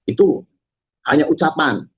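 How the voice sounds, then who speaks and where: A man telling his story to an audience in a dramatic testimony, halting with many fillers and breaking into loud quoted shouts. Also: fairly high pitch, lively intonation, slightly rough, dull audio. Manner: halting, frequent fillers and restarts. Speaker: testimony speaker. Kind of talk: dramatic spoken testimony to a congregation.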